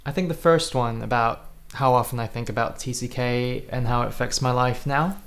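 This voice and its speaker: A man's voice: medium pitch, steady tone, moderate pace. A man in his thirties from Singapore, an interview guest telling his story in an earnest, thoughtful way with frequent restarts. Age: 30s. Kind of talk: reflective personal storytelling.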